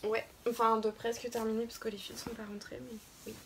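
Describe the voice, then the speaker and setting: A woman's voice: a little high, little pitch movement, brisk, creaky, a bit bright, slight background noise. A woman co-hosting a casual knitting podcast, talking hesitantly with many fillers and restarts. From France. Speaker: podcast co-host. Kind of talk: casual chat about knitting.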